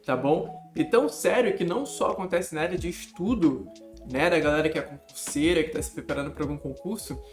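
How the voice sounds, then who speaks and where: A young man talking casually to camera as a study coach, animated and emphatic, often calling the viewer "cara". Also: fairly high pitch, brisk, faint music behind.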